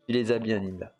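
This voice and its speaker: A man's voice: on the low side, a little mellow. A man hosting a casual livestream, rambling through his talk with hesitant fillers and frequent chuckles. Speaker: host.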